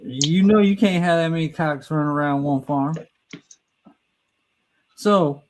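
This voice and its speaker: A man's voice: on the high side, darkish tone, rough recording. Laughing middle-aged man spinning a yarn. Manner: rambling, laughs through his own story; restarts and stumbles mid-sentence. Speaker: storyteller. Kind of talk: casual profane storytelling.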